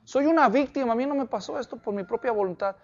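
A man's voice: very high voice, fast. A man voicing a stranded driver who frets to himself and grows indignant, on a dull lo-fi recording. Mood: fretful. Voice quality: fretful muttering to himself. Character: stranded male driver, worried, growing indignant.

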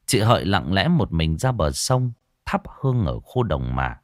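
A man narrating a ghost story in a dramatic style, dropping to a hush and then surging. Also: low voice, big pitch swings, unhurried, dry recording, clean studio sound. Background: faint music.

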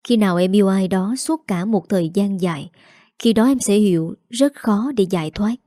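A woman voicing a heartbroken young man who speaks in a subdued, measured way. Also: mid-range voice, mellow, no echo, studio quality, natural voice.

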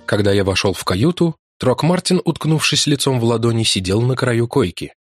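A male audiobook reader in measured, even literary narration. His voice sits at an ordinary middle pitch. The recording is close and very dry, with no room sound. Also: no room sound, soft background music.

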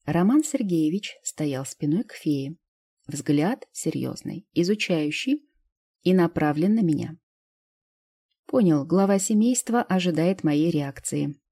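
Woman audiobook narrator: measured reading, dark, husky tone. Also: low voice, animated. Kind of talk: scripted first-person narration.

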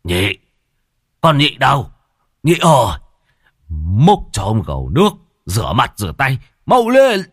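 A man's voice: medium pitch, wildly swooping pitch, takes it slowly, hardly any pauses, sharp tone, breathy edge, dry recording, clean studio sound, pitched above the performer's own voice, full character voice. A man doing a domineering old landlord. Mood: shouting orders. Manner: bossy, barking orders.

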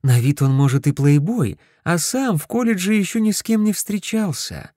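A man's voice: high-pitched, expressive, moderate pace, warm tone, dry recording, clean studio sound, voice pushed up. A man voicing a brash, teasing older sister. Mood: lively.

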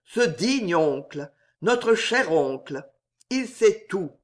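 Give me a reader as a mock-courteous, menacing gentleman who speaks slowly and with emphasis. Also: medium pitch, big pitch swings. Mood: smug. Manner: smooth, mockingly gallant, emphatic. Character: smug, menacing male suitor, mock-courteous.

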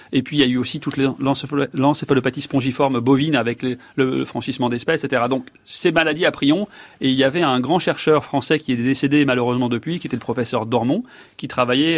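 A French-speaking neurologist in his fifties, appearing as a guest, gives long, reflective answers full of fillers and restarts. His voice sits in the mid-range, and there's no echo.

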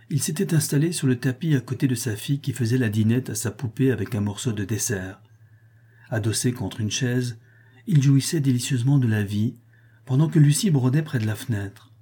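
A man narrating a novel as an audiobook reader, with measured, expressive storytelling. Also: mid-range voice, husky.

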